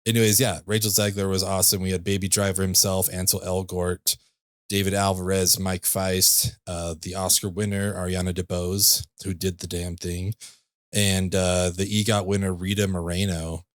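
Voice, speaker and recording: A man's voice: low voice, flat delivery, moderate pace, no echo, clean studio sound. A man hosting a podcast, talking casually and enthusiastically about a movie, laughing often. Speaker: podcast host. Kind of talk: casual chat.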